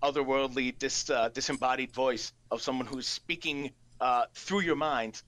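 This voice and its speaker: A man improvising narration as game master of a tabletop game, halting and thinking aloud as he goes. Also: medium pitch, fairly even intonation, fairly bright tone. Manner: hesitant, halting, piecing rules together aloud.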